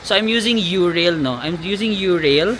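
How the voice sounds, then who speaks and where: A high-pitched, expressive voice with a fairly bright tone belongs to a Filipino travel vlogger talking at normal speed. Filming handheld outdoors in a winter town, he tells a playful, gossipy story in casual chat, mixing in English, as faint street noise carries in.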